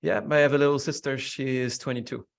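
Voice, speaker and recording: This young man from France speaks fast in a mid-range, creaky voice with fairly even intonation. As a podcast guest, he responds in a curious, reflective way, frequently dropping in fillers.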